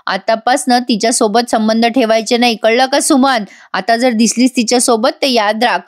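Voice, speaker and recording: A woman's voice: a little high, steady tone, normal speed, lightly acted. Woman voicing a domineering man, insulting, retold tv serial. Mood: harsh. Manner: scolding, insulting. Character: harsh angry older man, domineering.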